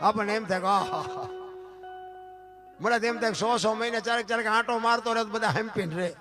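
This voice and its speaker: A man performs dayro storytelling on stage, his voice pitched very high. He chats with the crowd in a folksy way, then drives through alliterative verse lists in a steady rhythm. Folk instruments play clearly underneath him. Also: a little fast. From Gujarat, India. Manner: folksy, chatty asides to the audience. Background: folk instrumental music.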